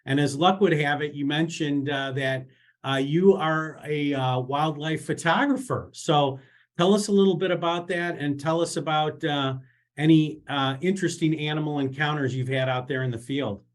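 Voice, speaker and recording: A man's voice: a little high, normal speed. A man hosting an interview podcast, asking questions in a friendly, upbeat way. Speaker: podcast host.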